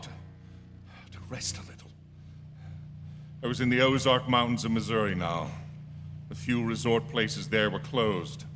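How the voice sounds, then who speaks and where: A man with a natural, mid-range voice performs a dramatic first-person radio drama on a theatre stage, playing a lone motorist who is haunted and anxious as he recounts his ordeal. He is intense and sometimes stammers, and dramatic music runs beneath him in the reverberant hall.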